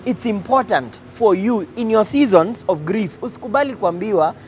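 A man's voice: sits high, lively intonation, moderate pace. Kenyan man, emphatic motivational talk, street noise behind. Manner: code-switches between English and Swahili slang. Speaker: host addressing men on faith and life. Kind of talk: motivational talk to camera, informal preaching.

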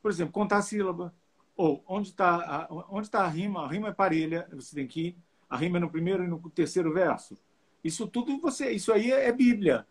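A man's voice: high-pitched, brisk, husky. A man who translates song lyrics, talking casually in an interview with many restarts and hesitations. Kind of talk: casual video call interview.

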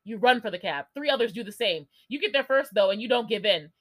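Young woman host, lively reader with foul-mouthed asides. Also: fairly high pitch, quick pace, rough recording. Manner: lively, swears and jokes between passages. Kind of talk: reading a gamebook aloud.

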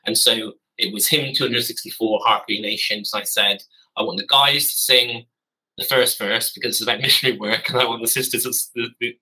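A podcast guest in his thirties tells stories from his garden office, rambling, wry and correcting himself as he goes. His lowish voice is bright, forceful and slightly rough, and the recording is low quality.

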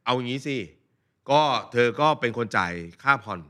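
A man's voice: mid-range voice, normal speed, a bit bright. A man co-hosting a podcast as a money coach, chatting casually and joking, sometimes acting out quoted lines.

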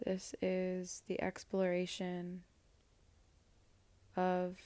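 A woman guiding a meditation in a slow, soft, soothing voice with long pauses. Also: on the low side, completely flat delivery, dry recording. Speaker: meditation guide. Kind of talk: guided meditation.

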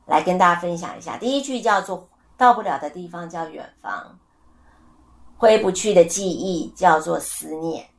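A middle-aged woman hosting a casual solo podcast, telling stories with lively acted-out voices and asking her listeners questions. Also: fairly low pitch, vocal fry. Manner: animated storyteller who asks listeners questions. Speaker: podcast host.

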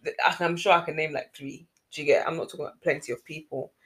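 A woman's voice: deep voice, fairly even intonation, fast. A woman in casual chat with her sister, earnest and a little preachy, repeating phrases for emphasis. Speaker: podcast host.

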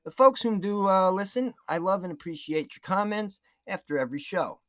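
A man's voice: sits high, animated, a little fast, a bit bright. A man hosting a solo podcast, talking loosely with lots of fillers and restarts and a sarcastic edge. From New York. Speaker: podcast host.

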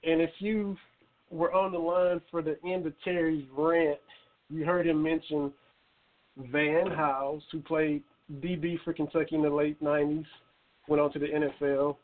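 A man hosting a sports talk show, relaxed and welcoming as he introduces a guest. His voice is a touch high for a man. It comes through thin and phone-like. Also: normal speed. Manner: easygoing, affirming, introduces guests. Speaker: host. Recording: phone-quality audio.

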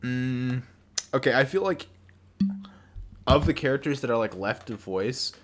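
A man's voice: medium pitch, animated, unhurried. A young man co-hosting a podcast over a video call, talking casually in rambling bursts with restarts. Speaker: podcast co-host. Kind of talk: casual chat. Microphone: remote call mic.

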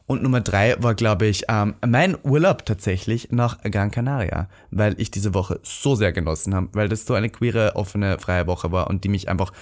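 A man co-hosting a podcast, chatting casually and telling animated stories with acted-out quotes. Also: lowish voice, moderate pace, few pauses. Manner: animated storytelling, acts out quoted voices. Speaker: podcast co-host.

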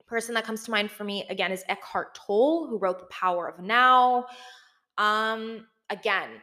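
A woman's voice: mid-range voice, fairly bright tone. A woman hosting a casual commentary video, chatty with frequent fillers and restarts, recorded in a large, half-furnished room that sounds echoey. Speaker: video host. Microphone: new microphone.

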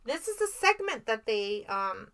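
Animated, bright-voiced mom podcaster. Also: female voice, fairly high pitch, measured pace. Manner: animated storyteller who swears freely. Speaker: podcast co-host. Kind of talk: casual chat.

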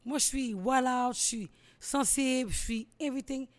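A young woman with a Québécois accent chatting as an interview guest, animated and slangy, dropping English phrases into her talk. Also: high-pitched, normal speed. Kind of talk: casual interview chat.

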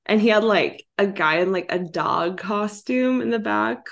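A woman's voice: medium pitch, measured pace, creaky, fairly bright tone. A young woman in her twenties hosting a casual podcast chat, giggling often and saying "like" constantly. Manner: giggly, says "like" a lot. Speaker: podcast host.

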